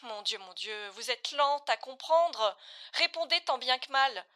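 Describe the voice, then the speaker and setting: An actress plays an impatient questioner who sighs and grows exasperated as she repeats herself. Her voice sits high, bright and sharp, in a surreal comic sketch. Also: animated, a little slow, exaggerated voice. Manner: exasperated, sighing, increasingly irritated. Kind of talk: surreal comic dialogue acting.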